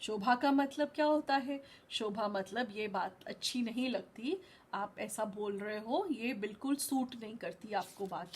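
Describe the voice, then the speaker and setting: Woman, school teacher, online class, story reading, patient explanations, slow pace. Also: on the high side, slight background noise. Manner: explains words patiently, mixing in English. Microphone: video call.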